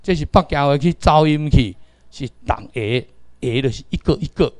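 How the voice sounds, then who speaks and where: A man's voice: a little high, normal speed, a little mellow, no echo. A middle-aged man with a Taiwanese accent teaching a class, lecturing and calling out drill commands for the students to repeat.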